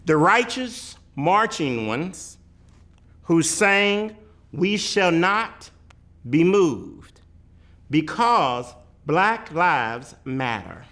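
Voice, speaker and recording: A man reads a poetic picture book aloud in a higher-pitched voice, his intonation highly animated. He delivers it emphatically, with weighty pauses, as dramatic poetry.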